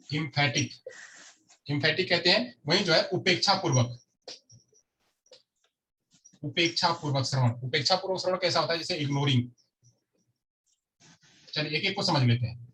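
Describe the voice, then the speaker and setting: A man's voice: fairly high pitch, bright, forceful tone, slight background noise. A man teaching a lecture class who keeps repeating key terms and asks and answers his own questions. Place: classroom with a board.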